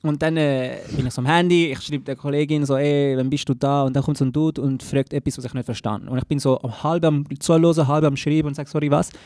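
Fast-talking Swiss German young man. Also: a little high, steady tone, darkish tone, no room sound, studio quality. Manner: rambling, self-mocking storytelling with English slang. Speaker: podcast co-host. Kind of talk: casual chat.

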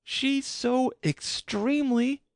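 A man's voice: extremely high pitch, slow, vocal fry, dry recording, clean studio sound, voice pushed up, full character voice. A man voicing a curious, fretful young girl in a storybook reading, with a prim, complaining tone.

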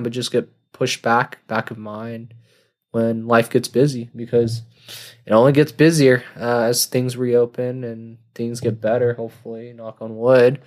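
A young man in his twenties hosting a casual solo podcast, rambling and self-deprecating, laughing at his own jokes. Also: medium pitch. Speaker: podcast host.

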